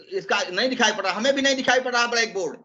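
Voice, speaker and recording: A man with a high, bright voice teaches an online training session. He explains slowly and deliberately, pausing often between phrases. The sound comes through a video call and is somewhat muffled. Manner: slow, deliberate explanation with frequent pauses. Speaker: Hindi language trainer.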